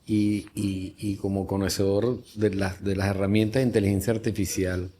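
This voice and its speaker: Podcast host: a man with a lowish voice who asks long, winding questions. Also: level tone, normal speed, warm tone. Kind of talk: interview questions.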